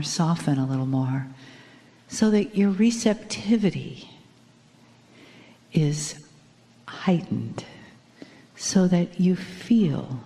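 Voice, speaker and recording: A woman leading a guided meditation in a soft, soothing, breathy spa-like manner. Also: low voice. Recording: long hall reverb.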